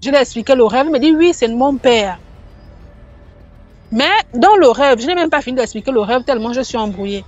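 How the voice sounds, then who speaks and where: A woman's voice: fairly high pitch, expressive, fairly quick, a little mellow. A woman telling a personal mystical experience in a casual, rambling way, often restarting and repeating words. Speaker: storyteller sharing a personal testimony. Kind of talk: casual first-person storytelling. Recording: slightly muffled, faint background music.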